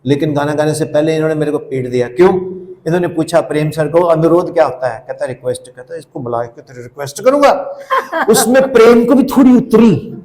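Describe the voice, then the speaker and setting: A man's voice: on the high side, expressive, fairly quick, a little mellow. A man telling humorous anecdotes, now and then breaking into song. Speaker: teacher hosting a session. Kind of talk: storytelling and anecdotes.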